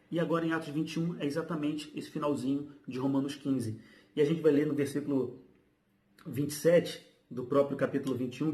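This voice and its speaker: A man preaching a sermon, reading Bible passages aloud and then explaining them in relaxed, everyday speech. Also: medium pitch, gravelly. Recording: roomy, echoey.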